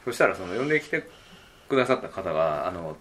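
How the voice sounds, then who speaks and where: Low-voiced man chatting with a laugh. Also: big pitch swings, fast, a bit bright. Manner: rambling, hesitant, laughs a lot. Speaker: podcast navigator, copywriter. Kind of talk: casual podcast chat.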